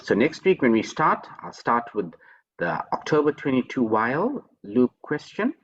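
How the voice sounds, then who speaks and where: A man's voice: mid-range voice, very animated, moderate pace, a bit bright, highs cut off. A man lecturing on programming over a video call, playful, repeating his words and teasing himself with mock self-praise. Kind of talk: online tutoring session.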